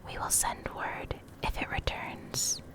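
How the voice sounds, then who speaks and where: An ASMR creator, video host and reader, she speaks in a soft, breathy whisper that stays gentle and measured. She sits close to a USB condenser microphone.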